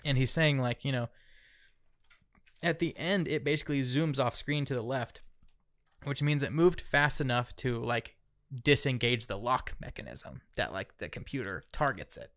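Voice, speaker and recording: A man from Kansas co-hosting a casual podcast, retelling a story in a fast rambling way with lots of fillers and swearing. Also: mid-range voice, expressive, fairly bright tone, dry recording. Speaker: podcast co-host. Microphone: podcast microphone.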